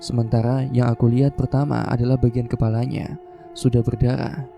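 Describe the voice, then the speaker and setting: A man telling a true-style horror story in first person, in slow, measured scripted narration. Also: mid-range voice, level tone, gravelly, warm tone. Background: faint background music.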